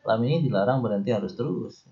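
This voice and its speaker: A man's voice: mid-range voice, fast, warm tone. A man teaching an Islamic studies class in a loose, conversational way, with a light Indonesian accent. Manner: explanatory, loose and conversational, with frequent "ya" and "nih" asides. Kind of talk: classroom lecture. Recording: dull lo-fi lecture recording.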